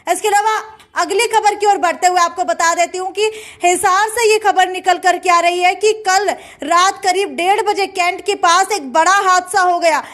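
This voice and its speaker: A woman's voice: very high voice, fairly bright tone. A woman presenting a breaking news bulletin in semi-formal spoken delivery, leaning on repeated filler phrases.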